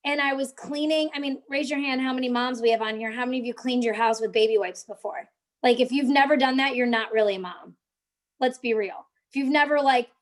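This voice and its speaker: A young woman with a high voice hosts a casual live-stream tutorial. She walks viewers through social media tips while chatting with them in the chat.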